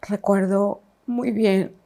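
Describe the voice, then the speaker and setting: A woman telling her own painful story as a personal testimony, halting and reflective, with restarts and pauses. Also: mid-range voice, steady tone, warm tone.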